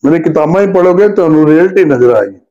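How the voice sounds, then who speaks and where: A man's voice: a little high, lively intonation, very fast, dark tone. An older man tells a comic story, acting out both sides of a phone call in different voices. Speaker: joke teller. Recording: dull lo-fi recording.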